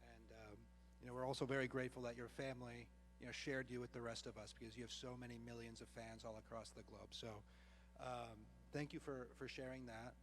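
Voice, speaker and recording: A man with an average-pitched voice leads an on-stage interview, smooth and easy, tossing in jokey asides. A faint hum sits under his voice. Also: little pitch movement, fairly quick. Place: large room with an audience.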